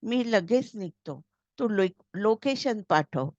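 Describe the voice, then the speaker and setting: A woman reading as a calm young boss. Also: mid-range voice, takes it slowly, no room sound. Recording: slightly dull, dry recording.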